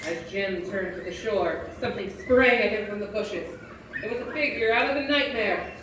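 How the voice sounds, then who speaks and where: A woman narrating a live stage show, telling the story in a steady way. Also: medium pitch, normal speed, noisy background. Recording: echoey hall from far off, loud music behind.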